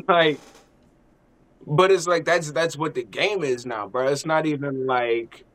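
A man's voice: a little high, measured pace. A man co-hosting a podcast, a parent, talking in loose, profane, joking banter with frequent laughs. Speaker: podcast co-host. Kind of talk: casual chat.

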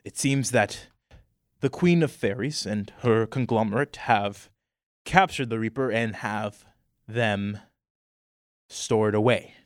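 A man's voice: lowish voice, slow, no echo, clean studio sound. A man voicing a pompous diplomat who announces grave news in a grand, ceremonious way.

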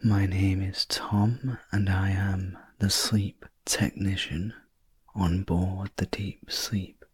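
A very breathy, ASMR role-play by a man in the manner of a sleep story narrator. He is a calm, reassuring spacecraft sleep technician who speaks slowly and gently, low and close in a dry space. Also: dry recording, full character voice. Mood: soothing, attentive. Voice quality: breathy, unvoiced soft voice.

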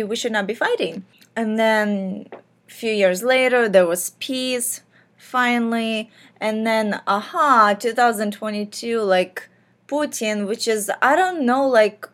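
A young woman from Ukraine hosting a podcast, talking earnestly and casually with lots of fillers. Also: on the high side. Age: young adult. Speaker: podcast host. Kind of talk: casual personal podcast talk.

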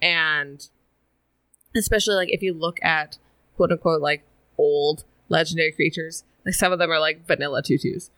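A man co-hosting a casual podcast chat, lively and chatty. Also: a little high, normal speed, no echo, poor audio.

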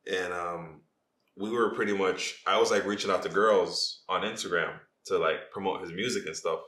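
Here the same Jamaican-accented social media page creator talks at a normal pace, his low voice pushed and bright with fairly level intonation. It's a casual, slangy podcast interview recorded in an echoey space.

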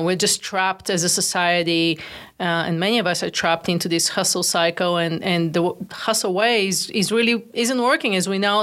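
A woman's voice: on the low side, fairly bright tone. A middle-aged woman from Bulgaria, a company founder, answering questions as a guest in a podcast interview, telling her story fluently with frequent ums. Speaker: guest, founder of a wellness movement.

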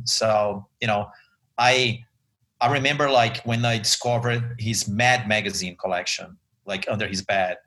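A man from Brazil, chatting as an interview guest in a relaxed way with many fillers. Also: fairly low pitch. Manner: relaxed, chatty, many ums and you-knows. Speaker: guest, advertising creative director. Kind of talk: interview conversation.

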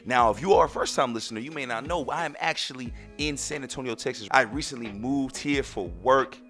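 A man speaks as the host of a casual solo podcast. His voice is mid-pitched and his delivery emphatic, with phrases repeated for effect. Faint music sits behind him. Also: fairly quick, a bit bright.

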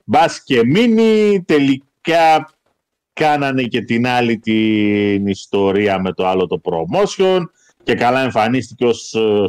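A man's voice: medium pitch, expressive, a little mellow, smooth. A man co-hosting a casual wrestling chat, wry and teasing as he argues about wrestlers. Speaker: podcast co-host.

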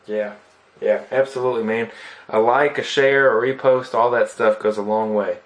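A man's voice: on the low side, fairly even intonation, normal speed. A man hosting a podcast interview, easygoing and encouraging, often restarting his sentences and saying "man.". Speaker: podcast host. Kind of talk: casual interview chat.

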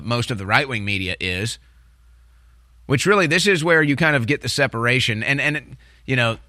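Bright-voiced American man, conspiratorial political rant. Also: medium pitch, no room sound, clean studio sound. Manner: agitated, conspiratorial, distrustful. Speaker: talk show host. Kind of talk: opinionated political commentary rant. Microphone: close studio microphone. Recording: music bed behind the voice.

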